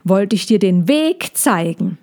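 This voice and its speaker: A woman's voice: medium pitch, animated, measured pace, a little mellow. A woman voicing a fretful little hedgehog. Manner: fretful, sighing, scolding. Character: anxious fussy male hedgehog, small. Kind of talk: storybook reading.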